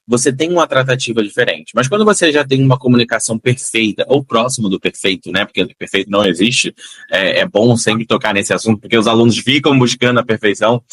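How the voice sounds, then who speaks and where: A Brazilian man teaching English online, repeating phrases slowly to demonstrate pronunciation and encouraging his students between examples. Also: mid-range voice, fairly bright tone, dry recording. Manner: encouraging, motivational asides to students.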